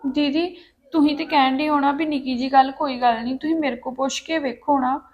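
A woman's voice: sits high, fairly even intonation, fast, muffled recording, close to an everyday voice. A woman playing a tearful Punjabi younger sister. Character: young woman upset after failing a test. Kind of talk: Punjabi family drama acting.

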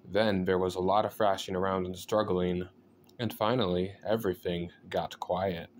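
A man reading a scary story aloud as a storyteller, in a measured, deliberate, suspenseful way with pauses. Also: sits low, level tone, slight background noise. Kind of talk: scripted horror story narration.

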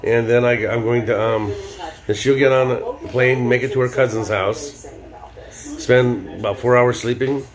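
A man's voice: mid-range voice, steady tone, a little slow. An older man vlogging in a casual, rambling way, full of ums and restarts. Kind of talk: casual video diary chat. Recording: busy crowd noise behind.

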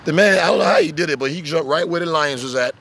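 A man preaching casually outdoors as a street preacher, telling animated stories and acting out little voices. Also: fairly high pitch, quick pace, breathy edge. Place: outdoors in the sun.

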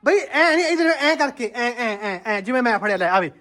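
Woman family vlogger, coaxing repetitive delivery, somewhat high voice. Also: lively intonation, normal speed, a bit bright. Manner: coaxing, repeats herself, laughs often. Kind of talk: casual family vlog chat.

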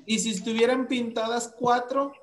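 A woman's voice: on the high side, flat delivery, normal speed. A Mexican woman teaching a math lesson to young children, asking questions patiently.

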